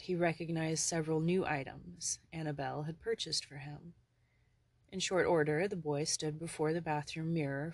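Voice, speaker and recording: An audiobook narrator reading a novel in a measured, descriptive way on a close mic. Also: medium pitch, dry recording.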